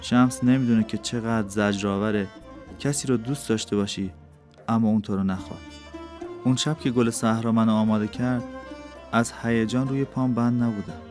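Man, audiobook narrator, measured intimate storytelling, low pitch, soft music bed. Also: steady tone. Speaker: audiobook reader. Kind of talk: scripted narration of a novel. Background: soft instrumental music.

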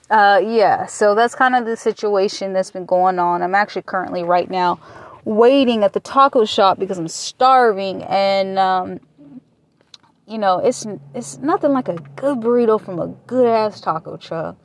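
A woman's voice: medium pitch, measured pace. A woman in her late twenties from Michigan, talking candidly and a bit rambling on her own podcast, with casual swearing. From Michigan, USA. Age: late 20s. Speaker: podcast host. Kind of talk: casual personal podcast monologue. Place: waiting at a taco shop.

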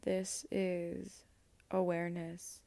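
A woman leads a guided meditation, speaking unusually slowly with long soothing pauses. Her voice sits low and stays level, with little rise and fall. The sound is close and dry. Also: monotone, creaky, no room sound. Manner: slow, soft, soothing delivery with long pauses.

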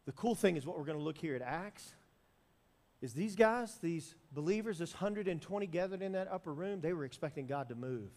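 A male pastor with a high-pitched voice delivers a sermon built around a personal story. He swings between loud, emphatic bursts and soft asides. A long reverb trails his words around the church hall. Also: animated, a little fast.

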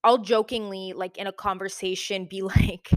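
A woman talks casually to camera in a big, sparsely furnished room, and her voice echoes off the bare walls. She speaks at a middling pitch and keeps it chatty, with plenty of fillers and quick self-corrections. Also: fairly even intonation. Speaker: video host. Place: large, half-furnished room. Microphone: new microphone.

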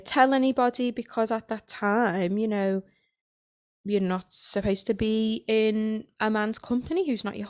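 A woman in her thirties talks through a personal podcast monologue in a candid, halting, reflective way. Her voice is smooth and resonant, with a clear, even tone. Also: medium pitch. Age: 30s. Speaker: podcast host.

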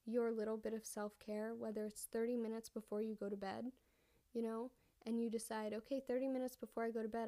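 A young woman runs a casual solo podcast, chatting in a rambling way, correcting herself, and sounding a bit out of breath. Her voice is warm and pitched somewhat high.

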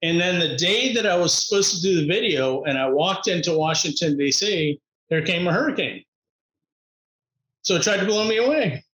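A man, a podcast guest, telling his travel stories in an upbeat, animated way, laughing often and acting out the voices of people he met. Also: high voice, normal speed, reverberant, rough recording. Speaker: podcast guest, motivational speaker. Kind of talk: animated storytelling in conversation.

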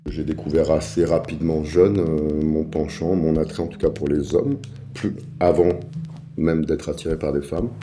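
A man in his forties from the Paris suburbs, telling his life story as an interview guest, halting often with fillers and restarts. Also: rumbling low, steady tone, warm tone, soft background music. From Paris suburbs, France. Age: 40s. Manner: hesitant, many fillers and restarts.

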